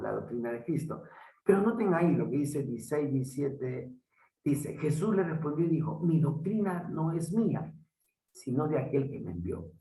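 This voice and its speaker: Male pastor teaching slow, gravelly voice, a bit far from the mic in an echoey room. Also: mid-range voice, darkish tone. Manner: unhurried, halting, frequent "¿no?" tags. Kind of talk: Bible teaching talk.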